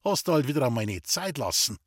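A gruff old forester, as a storyteller puts him on, husky and brusque, his pitch jumping about as he grumbles and questions. The recording is dry and close. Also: sing-song, fairly quick, a bit bright, dry recording. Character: gruff older Bavarian forester, father.

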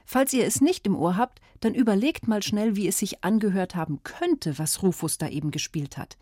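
A woman presenting a children's story, speaking directly to young listeners and posing puzzles in an animated way. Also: medium pitch, moderate pace, dry recording, studio quality.

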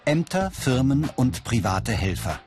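A man's voice: mid-range voice, sing-song, unhurried, over music. A man speaking clipped promotional slogans as a voice-over. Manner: emphatic, clipped phrases.

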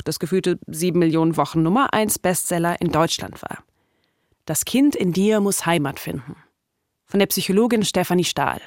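On a close studio microphone with studio quality and no room sound, a woman hosts a narrative podcast. She reads scripted storytelling conversationally, using short, dramatic sentences, in a fairly low voice.

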